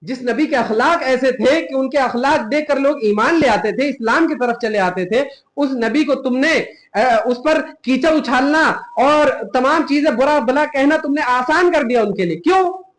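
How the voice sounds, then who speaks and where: High-voiced young man preaching with fervor. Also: moderate pace, rough recording. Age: young adult. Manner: impassioned, scolding, quotes scripture in Arabic. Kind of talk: sermon.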